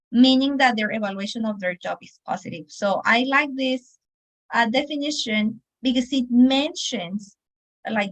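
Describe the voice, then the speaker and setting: Mexican accent woman, spanish native, kinda high voice, teacher doing a research presentation, pauses a lot. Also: poor audio. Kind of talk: academic presentation.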